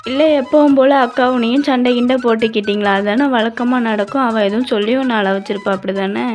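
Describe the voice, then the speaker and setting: A woman's voice: a little high, steady tone, fast, soft background music, pitched below the performer's own voice, close to an everyday voice. A woman doing a caring, soothing mother. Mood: concerned. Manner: soothing, concerned.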